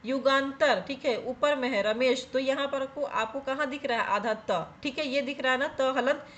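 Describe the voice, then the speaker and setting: This woman has a high, slightly bright voice and speaks at a moderate pace. She's teaching a grammar lesson for exam prep, explaining each step, often asking and answering her own questions, and repeating "theek hai" to check in with viewers.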